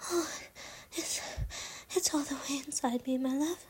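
Woman, ASMR roleplay, breathy close-mic whisper, high voice, unhurried delivery. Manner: soft breathy whisper, intimate and pleading. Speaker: ASMR performer.

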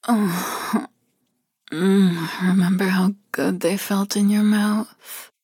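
A woman in an intimate ASMR roleplay, speaking in a soft murmuring whisper with hums and sighs. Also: mid-range voice, steady tone, slow pace, slightly rough, no echo, studio quality. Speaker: roleplay narrator.

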